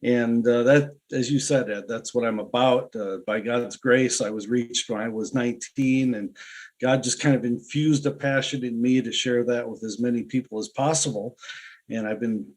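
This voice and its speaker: An earnest male author talking as an interview guest, telling personal stories in a relaxed way and laughing easily. His pitch sits in a middle range. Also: normal speed. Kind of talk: casual interview talk.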